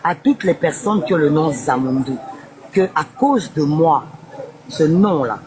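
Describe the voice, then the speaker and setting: A woman's voice: low voice, lively intonation, measured pace, background noise. A woman guest speaking insistently and emotionally in a live interview, mixing French and Lingala. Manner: pleading, insistent, switches between French and Lingala.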